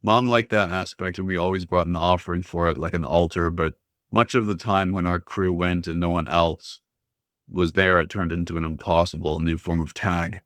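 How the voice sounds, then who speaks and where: A man reading a first-person story aloud in a steady, even manner. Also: deep voice, moderate pace, dry recording, clean studio sound. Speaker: audiobook reader. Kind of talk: scripted first-person narration.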